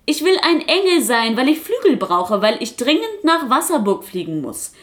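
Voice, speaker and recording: Reading from a storybook, a woman voices a little male Kasper puppet who is talkative and boastful, chattering excitedly and insisting on getting his way. She pushes her voice up so it sits high, speaking at normal speed in an insistent mood.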